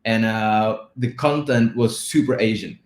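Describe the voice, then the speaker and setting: A man from the Czech Republic, a guest in an interview, talking in a relaxed, rambling way and often checking in with "right?". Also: on the low side, measured pace. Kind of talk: casual interview talk. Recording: roomy echo.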